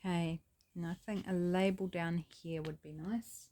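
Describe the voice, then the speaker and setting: Her voice is fairly low, gravelly, and scratchy, with a New Zealand accent and an ordinary pace. She hosts a craft channel and chats casually while crafting, relaxed and thinking aloud.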